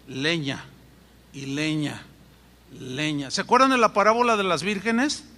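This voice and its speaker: A Mexican man preaches a sermon, emphatic and fond of pausing and repeating words. His voice sits high and bright. Long hall reverb trails after every phrase. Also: fairly even intonation. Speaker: pastor.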